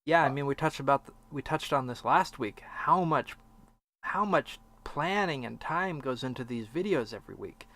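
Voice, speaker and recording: With a mid-range, fairly bright voice, a man co-hosts a gaming podcast, sounding animated at a moderate pace. He's casual and opinionated but rambling and a little hesitant, often trailing off mid-thought.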